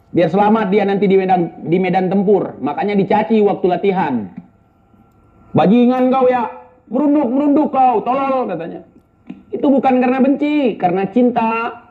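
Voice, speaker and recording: Blunt man, tinny audio. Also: high-pitched. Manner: blunt, scolding, rhetorical questions. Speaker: online speaker answering viewer questions. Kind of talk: casual spoken commentary.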